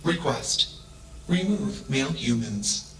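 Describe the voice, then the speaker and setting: A man voicing a cold, calculating male ship AI in a flat, emotionless, machine-like way, speaking in terse labelled statements. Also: medium pitch, slow, slight background noise. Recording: echoey game audio with music.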